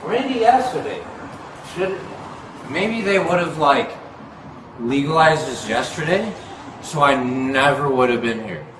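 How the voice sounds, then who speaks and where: A drunk man rambling and yelling belligerently in slangy, profane taunts, constantly saying "bro". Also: mid-range voice, expressive, a little slow. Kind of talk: confrontational street talk, profane taunting. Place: public library property. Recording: roomy, noisy on-the-scene recording.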